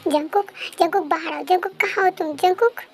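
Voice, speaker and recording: A woman voicing a fiercely loyal young woman in a fan-dubbed story, loud, accusing and demanding. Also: very high-pitched, normal speed. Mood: furious. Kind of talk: fan dub story voice acting. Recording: faint background music.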